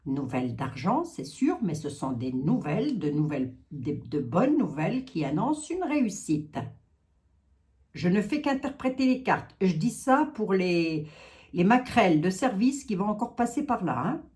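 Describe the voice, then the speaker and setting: A woman's voice: lowish voice, very animated, normal speed, a little mellow. A French-speaking woman doing a card reading, chatting casually with her viewers and filling her talk with asides. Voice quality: chatty, talks to viewers, many asides and "hein". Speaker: card reader.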